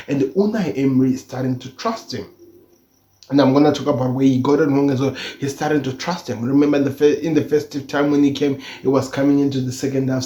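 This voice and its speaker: A man gives football reaction commentary in a soft-edged, mellow voice, speaking a little awkwardly as if around a toothache. He stresses points by repeating phrases. The recording is dull and echoes off the room. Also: mid-range voice. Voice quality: slightly impeded speech from a sore tooth. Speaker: football channel host.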